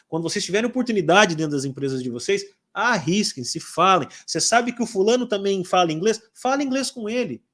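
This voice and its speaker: A man in his forties from Brazil, a corporate English teacher giving a chatty live webinar talk, often tagging "né?". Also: sits high. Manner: chatty, lively, many filler tags.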